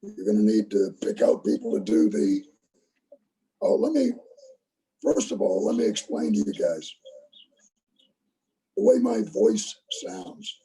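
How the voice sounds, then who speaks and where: Hoarse, gravelly-voiced troop leader. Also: male voice, high-pitched, wildly swooping pitch, a little slow, long pauses, warm tone, low-quality recording. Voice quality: gravelly, rough voice. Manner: patient, instructive, checks that he is understood. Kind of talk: leading an online youth meeting. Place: video call. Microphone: tablet on a video call.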